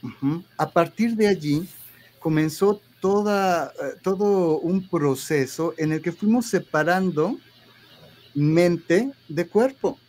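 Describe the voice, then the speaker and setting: A man's voice: a little high, slow, a little mellow. A man, a therapist guest in an interview, explaining ideas with hesitant restarts and frequent tag questions.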